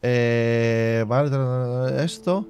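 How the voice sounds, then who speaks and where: A man hosting a casual let's play, reading game menus half to himself and chatting to his viewers with relaxed asides. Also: medium pitch, extremely slow, slight background noise. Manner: chatty asides to viewers with filler tags like "tío". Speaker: gaming channel host.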